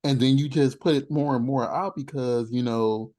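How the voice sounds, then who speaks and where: A man hosting a casual interview, talking excitedly with frequent restarts and laughter. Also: mid-range voice, normal speed. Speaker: podcast host.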